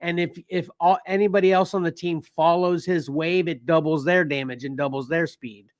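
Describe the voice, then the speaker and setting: Chatty man hosting, higher voice. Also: fairly even intonation, moderate pace, no room sound. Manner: rambling, restarts, laughs often. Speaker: podcast host. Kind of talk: casual chat.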